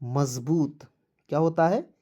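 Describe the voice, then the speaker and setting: Male English teacher, mellow voice, letter-by-letter spelling lesson, repeats each word, answers his own questions. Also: fairly high pitch, takes it slowly. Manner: repetitive, asks questions and answers them himself.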